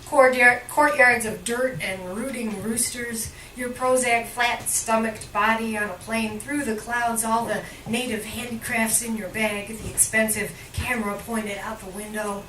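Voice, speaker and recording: A poet, the featured reader at an indoor cafe poetry event, reads in a bright, forward, somewhat high voice with a steady tone. She phrases each line with measured deliberation, leaning into the breaks. The live recording is distant and roomy, picked up from well back in a very spacious room, with faint noise.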